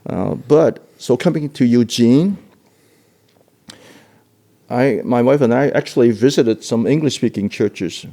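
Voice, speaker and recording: An older man from Hong Kong recounts his past in an oral history interview, his speech halting and punctuated by repeated words and laughter. His voice is mid-range with a dark tone.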